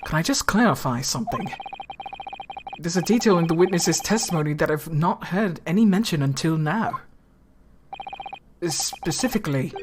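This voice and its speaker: A woman's voice: sits low, noisy background. A woman streaming a game, reading its text and making joking asides. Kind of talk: let's play commentary and reading. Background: game music.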